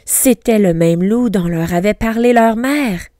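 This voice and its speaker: A woman teacher reading a storybook aloud slowly, carefully pronouncing each word for learners. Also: mid-range voice, warm tone, no room sound.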